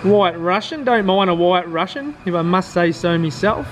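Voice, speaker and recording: A man's voice: high voice, normal speed, background noise. Crude joking Australian man vlogging. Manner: blunt, crude and joking, swears freely. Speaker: travel vlogger. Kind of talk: casual travel vlog commentary.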